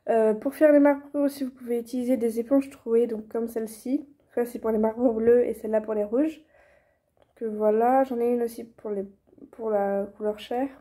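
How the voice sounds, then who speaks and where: A young woman, chatting casually through a how-to tutorial, filling pauses with many hesitations and restarts. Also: fairly high pitch, steady tone, warm tone. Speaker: vlogger teaching reborn doll painting.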